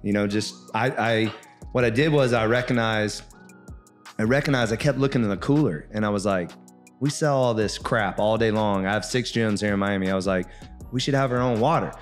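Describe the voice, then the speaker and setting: A man's voice: on the low side, brisk, reverberant, soft background music. A man in his thirties hosting a podcast, talking in an earnest, upbeat way with plenty of fillers. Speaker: podcast host. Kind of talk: casual podcast interview.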